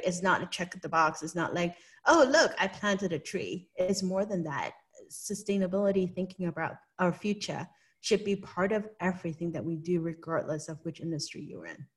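Her voice lowish and a bit bright, a Hong Kong woman with a Hong Kong English accent answers interview questions earnestly and explanatorily. She often checks in with the listener by saying "right?".

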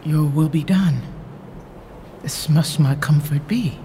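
An actor playing a proud, steadfast younger nobleman, delivering Shakespearean verse in a measured, formal way. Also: on the high side, dark tone. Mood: resigned, proud. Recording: faint background noise.

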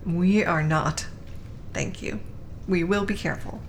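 A woman's voice: on the low side, steady tone, measured pace, slight background noise. A woman playing an earnest, cautious, principled young woman in an audio drama, speaking sincerely. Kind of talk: scripted audio drama acting.

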